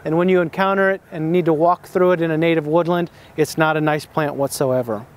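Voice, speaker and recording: A man with a high, smooth, resonant voice teaches plant identification outdoors. He talks unscripted and hesitant, with frequent fillers and restarts, and traffic can be heard somewhere nearby. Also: steady tone, brisk. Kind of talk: casual outdoor plant lesson.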